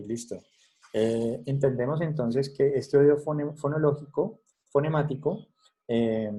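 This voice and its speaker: Mellow-voiced man teaching an online class. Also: mid-range voice. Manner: explanatory, checks in with frequent "¿vale?" and "¿sí?". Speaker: instructor. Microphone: video call.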